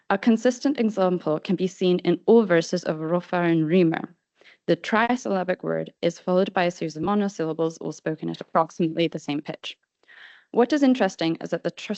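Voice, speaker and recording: A woman presenting an academic paper at a conference, reading from a script in a measured way with frequent ums. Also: lowish voice, a little mellow, no echo. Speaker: conference speaker. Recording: dull, lo-fi sound.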